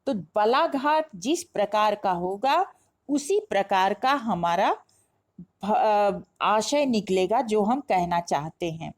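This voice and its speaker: A woman teaching a grammar lesson, explaining step by step and asking herself questions before answering them. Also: a little high. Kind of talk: classroom-style lesson explanation.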